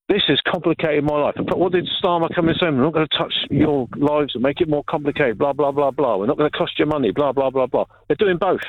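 A man's voice: fairly high pitch, no echo. A middle-aged Englishman calling a radio show, ranting with passion and frustration. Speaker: caller. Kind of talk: phone-in rant. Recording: phone line.

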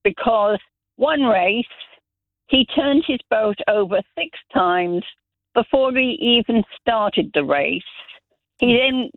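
A middle-aged Zambian man calls into a radio show on the telephone, his high voice coming through a tinny, dry line with no echo. In this casual phone-in chat he rambles through long anecdotes, restarting again and again.

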